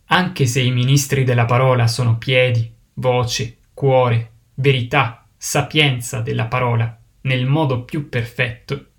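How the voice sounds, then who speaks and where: A man delivering a sermon in a solemn, measured preaching cadence. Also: mid-range voice, creaky.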